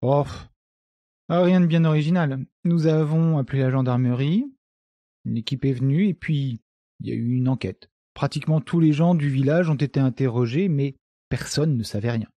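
A male narrator voicing an old village man recalling a past death in a slow, grave way. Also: medium pitch, warm tone, no echo, close to an everyday voice. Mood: reminiscing. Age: older. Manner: slow, reminiscing storyteller.

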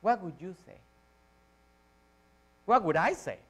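A higher-voiced Chilean man whose first language is Spanish preaches a church sermon from a lectern on stage in the sanctuary. Animated yet slow-paced, he uses emphatic repetition with dramatic rises and drops in volume.

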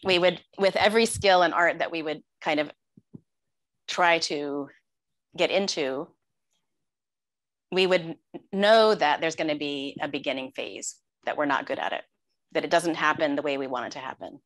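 Middle-aged female meditation teacher; soft-spoken, thoughtful, slightly low voice. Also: normal speed, pauses often. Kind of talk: conversational interview.

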